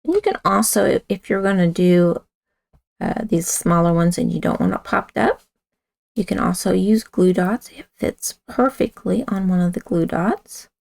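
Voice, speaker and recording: A woman with a raspy voice, chatting casually as she demonstrates a card-making craft and talks while she works. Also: fairly low pitch, a little slow, a little mellow, dry recording. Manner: chatty, talks while working with hands, self-correcting. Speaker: craft instructor.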